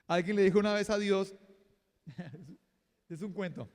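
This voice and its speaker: A man preaching a sermon as pastor, lively and joking, acting out quotes. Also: sits high, unhurried, big-room sound. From Colombia. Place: church hall.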